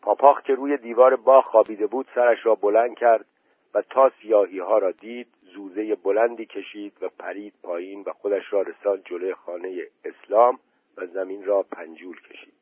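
Husky-voiced man reading a story. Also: on the low side, steady tone, no echo. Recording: tinny phone-like recording.

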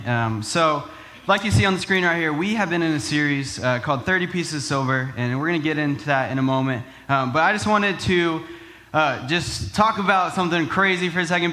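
A man's voice: a little high, sharp tone. A man preaching as an upbeat youth pastor, talking to the church in a casual, conversational way. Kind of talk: conversational sermon.

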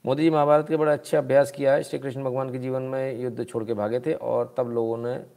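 A man's voice: mid-range voice, level tone, quick pace, gravelly, warm tone. A man giving casual, sarcastic live-stream news commentary, mixing Hindi and English.

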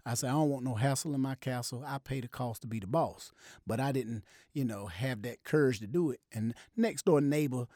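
A man who works as a comedian, telling stories from his shows in casual chat. He is animated, repeats words and belts out the loud parts. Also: mid-range voice, brisk, no echo, clean studio sound. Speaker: comedian and event host, guest.

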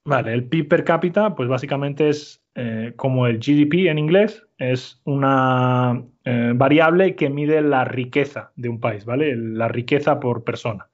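A man with an even, mid-range voice teaches a Spanish lesson a little slowly, with few pauses, on a slightly dull recording. He explains step by step and frequently checks with "¿vale?" that listeners are keeping up.

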